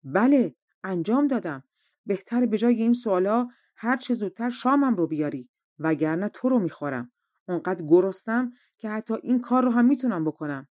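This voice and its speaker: A woman's voice: medium pitch, expressive, no room sound, close to an everyday voice. A woman doing an angry, hungry young prince. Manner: shouting demands.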